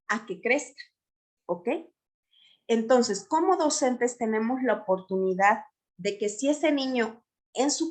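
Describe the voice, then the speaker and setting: A woman giving an explanatory lecture to teachers, often checking in with her listeners. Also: fairly high pitch.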